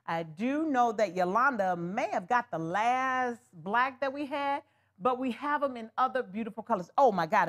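A woman with a high, bright-toned speaking voice runs a live wig sales stream. She chats straight at her viewers, calls them honey and y'all, and keeps pushing the deals. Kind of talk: live shopping stream chat.

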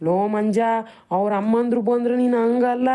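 An actor voicing a village man who calmly scolds a boy in plain rural speech. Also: medium pitch, brisk, close to an everyday voice. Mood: scolding.

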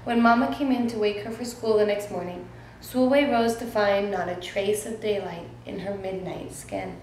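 A woman teacher reads a children's picture book aloud in a gentle, expressive way, stopping now and then to ask her young listeners questions. Her voice sits at a middle pitch, and the room around her is very echoey, with a faint hiss of noise underneath. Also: normal speed.

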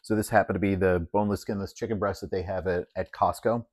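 Relaxed man explaining grilling steps. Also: sits low, fast talker, no echo. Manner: relaxed, step-by-step with fillers. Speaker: home cook. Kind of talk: casual cooking demonstration. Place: outdoors at a grill.

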